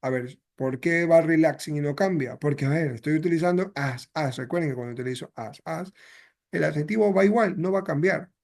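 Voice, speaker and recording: A man's voice: fairly high pitch, brisk, a little mellow. Man teaching grammar in a mixed-language class. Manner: explains patiently, mixing Spanish and English. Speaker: English teacher.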